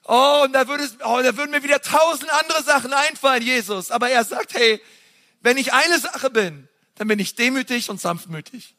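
A man preaching a sermon, passionate and emphatic, talking straight to his listeners in a casual way and swinging between loud and soft. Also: extremely high pitch, moderate pace. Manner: casual, direct address to the audience.

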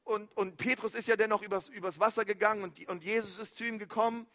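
Man, pastor, fervent sermon, high pitch, repeated phrases, loud to hushed swings. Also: fairly even intonation, fast talker.

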